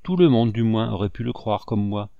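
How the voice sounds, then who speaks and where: A man reading a classic children's book aloud in measured, expressive narration. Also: fairly low pitch, gravelly, no echo, lo-fi sound. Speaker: audiobook reader.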